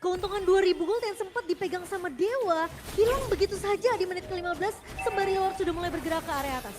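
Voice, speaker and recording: An Indonesian-accented woman gives analytical esports commentary. Her voice is high and she talks quickly, with loud music playing behind her. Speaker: esports co-caster. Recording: loud music bed under broadcast.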